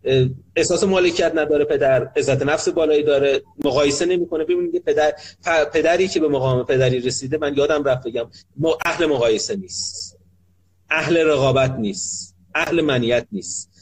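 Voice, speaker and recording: A man's voice: a little high, husky. A middle-aged man, a sociologist and family counselor, gives a talk on parenting and often asks rhetorical questions, then answers them himself. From Iran.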